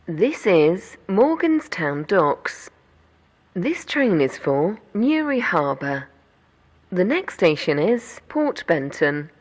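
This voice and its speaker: A woman's voice giving automated train announcements on board and at the platform, in a measured, formal announcer manner. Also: on the low side, big pitch swings, heavily acted. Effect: train announcement system voice.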